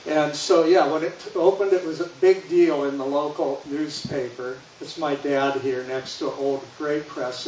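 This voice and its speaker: A man's voice: fairly high pitch, darkish tone, far from the mic. An older man giving an anecdotal slide presentation as a guest speaker, rambling and often restarting his sentences. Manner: rambling, with frequent restarts and repeated words. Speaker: guest speaker at a historical society. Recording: echoey hall taken from afar with faint noise.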